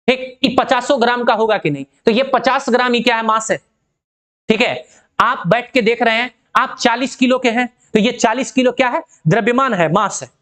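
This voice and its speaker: Woman teaching physics online. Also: on the high side. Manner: asks rhetorical questions and keeps checking in with students; addresses students affectionately. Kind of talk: online video lesson.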